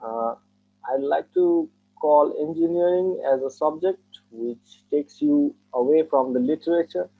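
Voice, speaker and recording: A young Nepali man in his twenties, a native speaker of Nepali, responds to mock speaking-test questions as a test candidate, using earnest, formal phrasing and frequently restarting. His voice is fairly high and unhurried, with soft music in the background, and the audio sounds tinny, like a phone call.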